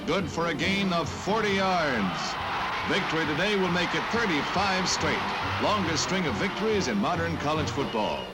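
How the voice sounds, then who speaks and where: Old newsreel announcer, American man over loud music. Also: fairly high pitch, expressive, moderate pace, low-quality recording. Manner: dramatic, punchy announcer delivery. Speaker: newsreel narrator. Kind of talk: 1950s newsreel narration.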